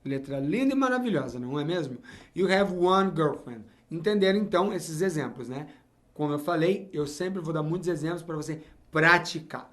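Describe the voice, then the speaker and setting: A man from Brazil teaches English grammar in a fairly high voice. He talks directly to his viewers and keeps checking in with short "ok?" prompts. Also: moderate pace. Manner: lively, talks straight to the viewer with frequent "tá?" and "ok?". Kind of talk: explaining English grammar to learners.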